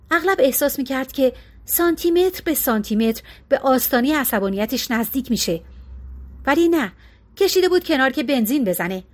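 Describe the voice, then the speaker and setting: Woman, high voice, audiobook narration, steady and measured. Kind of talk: scripted narration.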